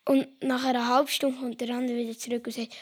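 A woman telling a string of jokes in a deadpan way. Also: on the high side, breathy edge. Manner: deadpan, slow joke-telling with childlike whiny voices for kids.

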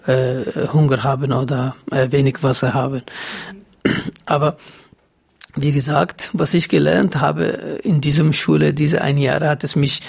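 Gravelly Somali-accented man, halting. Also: a little high, darkish tone. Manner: halting non-native German, many fillers. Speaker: interview guest. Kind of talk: radio interview answers.

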